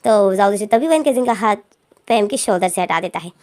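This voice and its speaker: A woman's voice: mid-range voice, lively intonation, a little fast, a little mellow. A woman casually retelling a story, chaining her sentences with constant connecting fillers.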